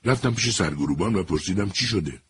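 A man with a very low, deep voice reads a story aloud in a measured, even way. His narration is steady and deliberate. A faint hiss runs beneath the recording.

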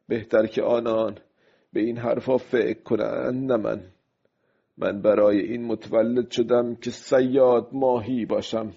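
A man playing a gravelly old fisherman. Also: medium pitch, mellow, highs cut off. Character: old lone fisherman, weary and brooding. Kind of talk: radio drama acting.

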